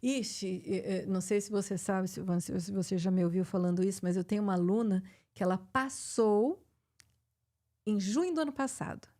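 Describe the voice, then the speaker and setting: A middle-aged woman with a Brazilian Portuguese accent hosts a live chat as an English teacher, explaining things with lots of fillers and restarts. Her mid-range voice is mellow and a little fast.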